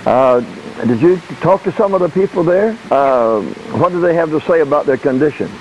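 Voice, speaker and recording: A man's voice: fairly high pitch, expressive, moderate pace, a little mellow, a little hiss or hum. A man interviewing over a phone line. He asks short questions and murmurs agreement. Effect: heard over a phone line.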